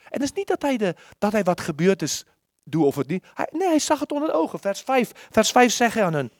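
A preacher giving an impassioned sermon, repeating words, pausing for effect and acting out scripture quotes. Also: medium pitch, sing-song, no echo, clean studio sound. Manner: acts out the biblical quotes.

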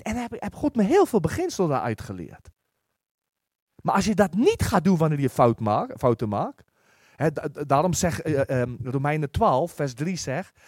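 Man, preaching, animated pitch, dry close sound, stumbles and restarts. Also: no room sound. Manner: lively, halting, many restarts and stammers. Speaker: pastor. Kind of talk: sermon with personal stories.

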